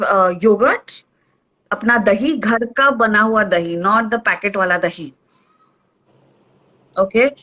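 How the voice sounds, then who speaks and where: A woman's voice: a little high, a bit bright, dull audio. A woman with an Indian English accent explaining simply over a video call, often checking in with "okay". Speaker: nutrition expert guest. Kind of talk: casual online talk.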